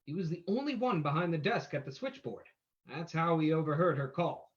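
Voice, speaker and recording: A man's voice: a little high, fairly quick, close to an everyday voice. A suave detective vigilante played by a man in an old-time radio mystery. He speaks theatrically and with menace, laying things out dramatically. The audio is dull and lo-fi. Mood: confident, explaining.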